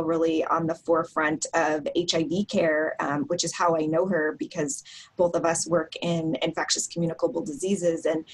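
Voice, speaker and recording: A woman pharmacist, a guest on a podcast, talks with eager energy and frequent fillers. Her voice is quite low and husky. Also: poor audio. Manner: excited, fluent with fillers. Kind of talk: casual interview.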